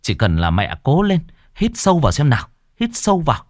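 A man narrating a horror story in a dramatic, lively storytelling manner. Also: fairly high pitch, fairly quick.

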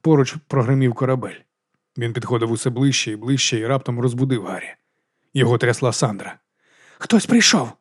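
A man reading a novel aloud as an audiobook narrator, in brisk, even storytelling. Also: mid-range voice, husky, no echo, studio quality.

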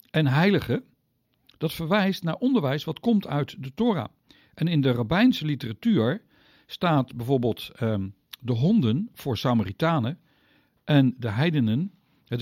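A man teaching the Bible on the radio, speaking directly to his listeners and explaining step by step, with sudden pitch leaps on key words. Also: a little mellow, dry recording, clean studio sound.

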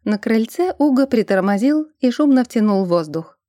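Woman narrator, fantasy audiobook, steady reading, warm dark tone. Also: on the high side, moderate pace, no echo, studio quality.

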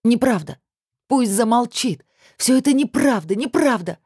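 A woman voicing a heartbroken young woman who speaks in a shrill, tearful, shouting way, in an audiobook. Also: a little fast, slightly rough, no room sound, clean studio sound. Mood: desperate.

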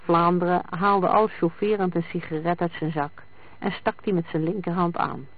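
A reader narrating a crime story in a measured, even way. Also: medium pitch, no echo. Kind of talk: scripted crime-story reading. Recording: dry, tinny lo-fi sound.

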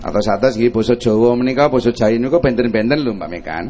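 A man's voice: mid-range voice, fast talker, dark tone. Teasing Javanese-accented man bantering on stage. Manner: teasing, mixes in local slang and asides. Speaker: puppet master hosting the stage show. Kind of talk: comic live stage banter.

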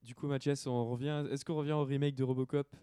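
A man with a dark voice chats casually as a podcast co-host, tossing in short joking quips. The sound is dry and close. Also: mid-range voice, level tone, quick pace, clean tone, dry recording. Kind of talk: casual chat.

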